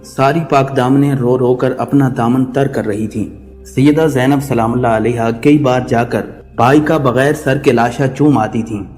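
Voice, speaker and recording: A man's voice: mid-range voice, steady tone, a little mellow, long reverb tail, soft background music. A man telling a mournful religious story in solemn, scripted narration.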